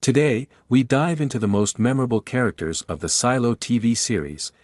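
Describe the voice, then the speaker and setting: A man's voice: mid-range voice, brisk, a little mellow, no echo. A man hosting a video and reading scripted narration.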